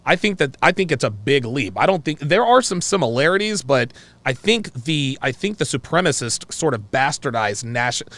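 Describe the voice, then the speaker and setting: An American talk show host runs a live call-in discussion, pressing his opinions hard and circling back to repeated phrases. His mid-range voice has a sing-song lilt and a slightly bright tone at a normal speed. The recording is dry.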